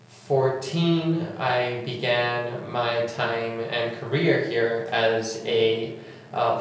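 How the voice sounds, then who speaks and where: A young man from Nicaragua and Honduras, a university staff member and alumnus, talking earnestly about his school in an oral history interview, with many fillers. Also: medium pitch. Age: young adult. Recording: echoey room with faint hum.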